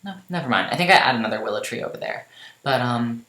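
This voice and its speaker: A late-teen vlogger chatting loosely over gameplay, full of fillers, asides and self-deprecating jokes. The voice sits at an ordinary middle pitch. It echoes around a roomy space. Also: expressive, fast talker, bright, forceful tone. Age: late teens. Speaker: game vlogger. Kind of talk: casual rambling chat over gameplay.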